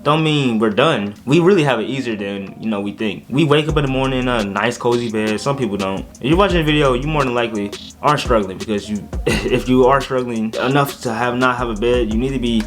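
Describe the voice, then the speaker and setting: A young man vlogging his opinions in a blunt, animated way, with swearing and sudden outbursts. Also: medium pitch, a little fast, hardly any pauses, soft background music. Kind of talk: opinion rant to camera.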